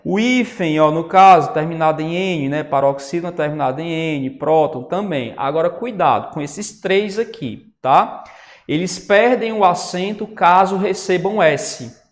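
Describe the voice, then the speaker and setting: A man's voice: fairly high pitch, a little slow. A man teaching a grammar lesson who explains step by step and keeps checking in with his students. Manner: explanatory, says "né?" and "ó" often. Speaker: Portuguese teacher. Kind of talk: online lecture on grammar. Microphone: writing on a tablet while talking. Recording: long reverb.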